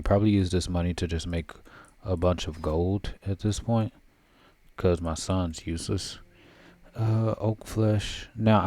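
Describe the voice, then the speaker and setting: A man's voice: sits low, warm tone, no room sound. A man giving casual let's-play commentary, thinking aloud and reading game text as he plays. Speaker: gameplay commentator.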